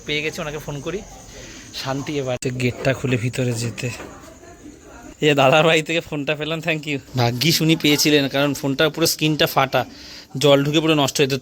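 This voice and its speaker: A man's voice: medium pitch, a bit bright, slight background noise. A young man, vlogging as he walks down a rainy street at night, anxious as he talks to the camera. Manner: anxious, talking to the camera while walking. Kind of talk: casual vlog narration.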